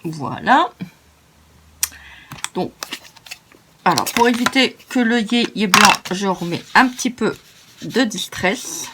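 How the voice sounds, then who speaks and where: A woman's voice: medium pitch, expressive, takes it slowly, long pauses, noisy background. A French-speaking woman hosting a crafting tutorial, chatty and self-mocking as she narrates each step. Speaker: craft video host.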